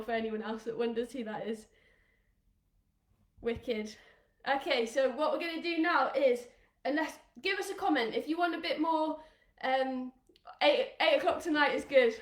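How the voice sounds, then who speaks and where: An encouraging, upbeat woman from England leads little children through rugby games over a live stream, calling out countdowns. Her voice sits high and bright, and the room around her rings with echo. Now and then she is a little out of breath. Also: normal speed. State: out of breath at times. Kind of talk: live online kids' exercise session.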